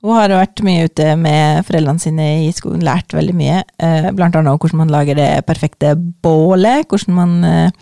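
Gravelly, dark-voiced book talker. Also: mid-range voice, steady tone, hardly any pauses, no room sound, clean studio sound. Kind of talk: casual book talk.

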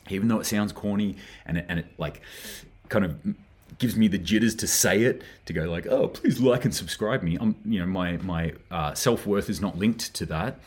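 Deep-voiced guy chatting on a livestream, kinda husky, rambles with lots of ums. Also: normal speed. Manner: rambling, frequent fillers and restarts, earnest. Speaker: host of a daily preparedness news show. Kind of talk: casual livestream commentary.

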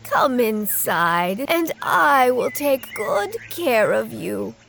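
A man's voice: very high voice, big pitch swings, gravelly, a bit bright, a little hiss or hum, voice pushed up, full character voice. A man voicing a very old witch in a storybook reading, coaxing and sweet-voiced. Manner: slow, coaxing.

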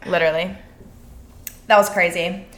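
A woman's voice: lowish voice, fairly even intonation, moderate pace, fairly bright tone. Chatty woman podcast host, echoey room. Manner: chatty, filler-heavy, full of "like". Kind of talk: casual chat.

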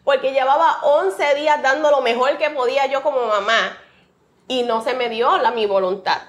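A woman's voice: high voice, normal speed. A woman from Rico, sharing a heartfelt, faith-filled personal testimony as an interview guest. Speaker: guest, author.

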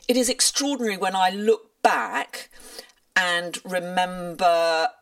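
A woman in her sixties from rural Norfolk, a broadcast journalist, recalling her career in a lively, self-deprecating interview. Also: fairly low pitch, slow, no room sound. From England, rural Norfolk. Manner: animated storyteller, self-deprecating. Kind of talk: reflective interview answers. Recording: dry but slightly distant mic.

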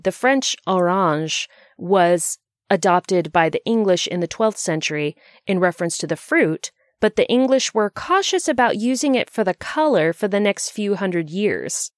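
A woman's voice: medium pitch, no echo, clean studio sound. A woman narrating a scripted explainer in a bookish, conversational way, with wry asides.

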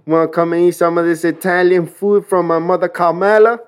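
A man's voice: high voice, flat delivery, brisk, slight background noise, natural voice. Man doing a boisterous New York Italian-American host voice, food-pushing and playful. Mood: jovial. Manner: boisterous, teasing invitation.

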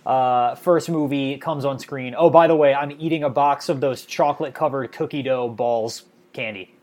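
A man's voice: mid-range voice, moderate pace. A man co-hosting a casual podcast, laughing a lot while he explains his picks. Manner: laughs often, relaxed and rambling. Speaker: podcast co-host. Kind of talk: casual chat.

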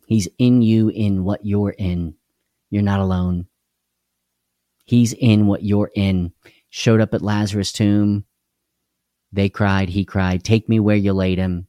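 A man's voice: fairly low pitch, warm tone, no echo, studio quality. A man hosting a live devotional talk, speaking earnestly and candidly, often repeating key phrases for emphasis. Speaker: host of a live devotional show.

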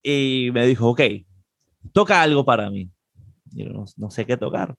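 With a mid-range voice, a bit of vocal fry and a slightly slow pace, a Peruvian man tells a casual anecdote as an interview guest. This trombonist speaks with a Peruvian Spanish accent and gets animated, acting out the others' dialogue in a raised voice, recorded with no room sound.

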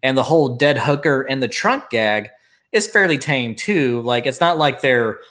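A man's voice: mid-range voice, animated, fairly bright tone, low-quality recording. A man in casual podcast talk about a movie, rambling with many filler words. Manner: rambling, heavy filler words, quick mimicry of film lines. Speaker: podcast host reviewing a film. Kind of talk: casual chat.

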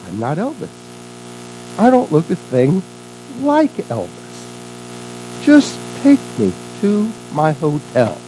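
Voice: medium pitch, huge pitch swings, measured pace, creaky, long pauses, mellow, a little hiss or hum, full character voice, low-quality recording. A minister voicing a weary male priest who patiently denies being mistaken for someone else.

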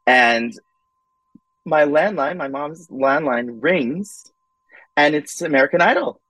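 Animated man telling a story. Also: a little high, takes it slowly, no room sound, poor audio. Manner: animated, acts out quoted voices, frequent "like" and "um". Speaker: podcast guest. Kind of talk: casual storytelling.

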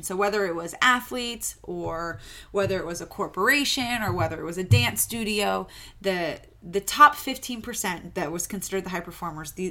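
A woman in her twenties co-hosts a podcast in a relaxed, chatty way. Her voice is bright and forward, and she rambles a little, leaning on "um" and "like" as she talks. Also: mid-range voice. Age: 20s. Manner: chatty, animated, lots of fillers like "um" and "like". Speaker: podcast co-host. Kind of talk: casual podcast chat.

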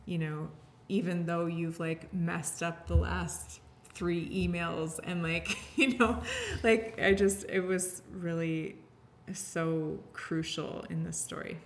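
A woman's voice: on the low side, steady tone, slow pace, a little hiss or hum. A woman speaking earnestly and openly in a conversational interview, often restarting her sentences and filling them with "like". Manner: earnest, heartfelt, heavy use of "like" and restarts. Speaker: podcast guest sharing her story.

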